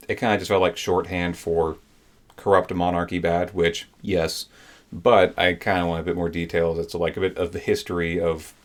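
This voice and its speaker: Man, deep voice, chatty book reviewer, eager and meandering, heavy on fillers. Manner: enthusiastic, rambling, with many fillers. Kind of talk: casual spoken book review.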